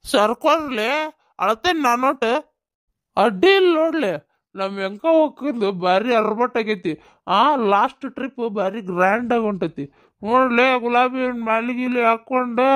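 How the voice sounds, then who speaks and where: A woman's voice: fairly high pitch, moderate pace, a bit bright, close to an everyday voice. A woman voicing a tipsy, sentimental male village headman in a cartoon, with a North Karnataka accent and a drawling, pleading way of talking. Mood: maudlin.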